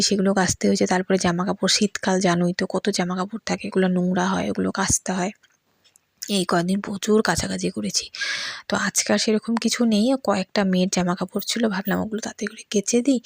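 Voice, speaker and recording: A middle-aged woman with a Bengali accent, chatting in a soft whisper through a voice-over recorded at night. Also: medium pitch, gravelly, breathy edge, dry recording, studio quality. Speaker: vlogger.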